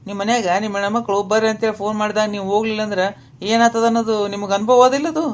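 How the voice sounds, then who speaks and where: A woman's voice: medium pitch, fairly even intonation, lightly acted. A woman voicing a talkative, teasing middle-aged village man in a cartoon, with a North Karnataka accent. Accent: North Karnataka Kannada. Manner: quick, chatty and teasing. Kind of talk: cartoon voice acting.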